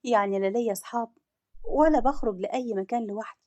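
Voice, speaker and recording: A young wife in an audio story, wounded and bitter, with an Egyptian accent, as a woman storyteller gives her voice. She pleads and complains in a fairly high tone. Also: fast, mellow, close to an everyday voice.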